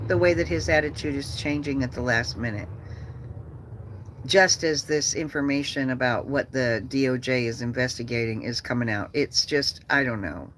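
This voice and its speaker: A livestream host rambles casually in a mid-range voice, animated and profane, often repeating phrases. There's a little hiss or hum in the audio.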